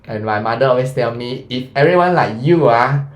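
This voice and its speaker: A Malaysian English-speaking man in his thirties, a science teacher, runs a chatty revision lesson with plenty of questions for students and fillers like "lah" and "mah." His pitch is medium and his speed normal. The sound is roomy.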